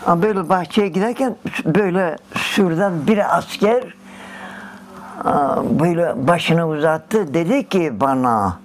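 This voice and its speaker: Elderly woman, slow emotional storyteller, interview testimony. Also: fairly low pitch, expressive, a little hiss or hum. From Dersim, Turkey. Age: older. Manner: slow, emotional, acts out the old dialogues. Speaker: interviewee, massacre survivor. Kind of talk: personal storytelling.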